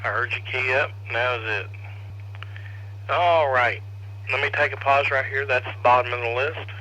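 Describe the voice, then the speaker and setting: A man's voice: mid-range voice, moderate pace, sharp tone, low-quality recording. A man hosting a ham radio net as controller, casually calling for check-ins and passing turns. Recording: faint noise on radio net audio.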